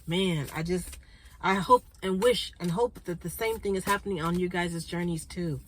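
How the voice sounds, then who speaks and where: A woman hosting a spiritual card reading for her viewers, chatty and congested, clearing her throat and often checking in with "okay?". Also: fairly low pitch, moderate pace, a little hiss or hum, rough recording. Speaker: spiritual card reader and channel host.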